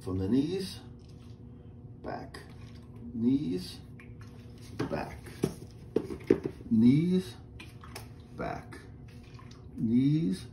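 A middle-aged man leading a seated exercise class, giving calm step-by-step cues and breathing counts, recorded by a camera a few feet away in a small room. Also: medium pitch, extremely slow, gravelly, pauses often. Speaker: fitness instructor. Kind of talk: guided chair exercise class. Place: small indoor room with a painted wall. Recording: roomy echo, faint room noise.

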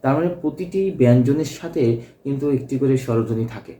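A man's voice: mid-range voice, fairly quick, mellow, echoey room, slight background noise. A man teaching a grammar lesson, explaining step by step and checking that students follow. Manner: explanatory, repeats key points and checks with "ঠিক আছে?".

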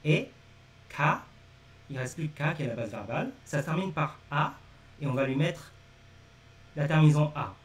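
A language teacher runs a live-streamed lesson, explaining step by step and repeating key points directly to his viewers. His voice is a little high with lively intonation at normal speed and frequent pauses, recorded from a distant mic in an echoey room as he speaks away from it.

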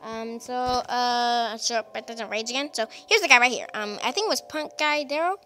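Woman gaming host, high and bright, casual rambling commentary with many fillers, recorded on a phone. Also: normal speed, slight background noise. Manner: rambling, full of fillers and restarts. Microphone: phone set down nearby.

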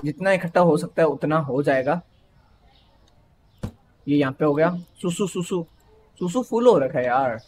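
A young man from India gives playful gameplay commentary, joking with the characters and talking to himself as he plays. His voice sits a little high for a man. A faint noise runs under the recording. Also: animated, unhurried, long pauses, darkish tone. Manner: playful, teasing, talks to game characters. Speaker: gaming YouTuber.

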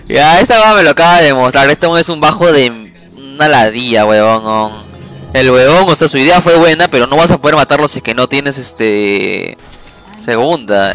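A man's voice: mid-range voice, a bit bright. A man streaming a match, swearing and ranting in exasperation at his teammates. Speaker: game streamer. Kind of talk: live gameplay commentary.

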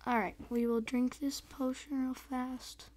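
A young woman with a hoarse, squeaky voice that breaks into a whispery rasp, giving excitable, chatty, casual commentary on a game. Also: unhurried. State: hoarse, losing voice. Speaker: gaming video host.

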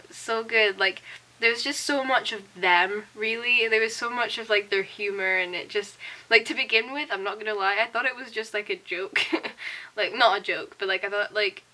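Her mid-range voice sounds pushed and bright as this young woman rambles through a bedroom diary vlog at night, webcam close to her face. Sleepy, chatty and self-deprecating, she says "like" constantly and sounds tired, a bit wheezy and coughy. The recording quality is low.

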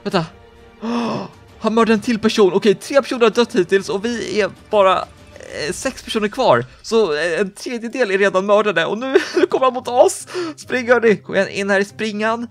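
Man, high voice, excitable gameplay commentary, faint background music. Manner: excitable, quick reactions, gasps and laughs. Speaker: gaming YouTuber.

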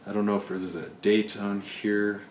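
A man's voice: lowish voice, monotone, normal speed. A man thinking aloud with wry asides while unboxing items on camera. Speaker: video creator unboxing items. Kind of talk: casual unboxing commentary. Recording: roomy echo, faint background noise.

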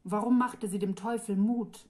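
A woman reading her own fantasy novel aloud in a calm, measured way. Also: mid-range voice. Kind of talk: audiobook narration.

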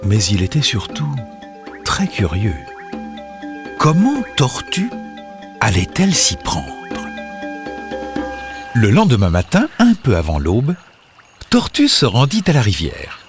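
A man narrating a children's fable, expressive and dramatic. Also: mid-range voice, takes it slowly, pauses often, over music. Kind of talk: scripted storybook narration.

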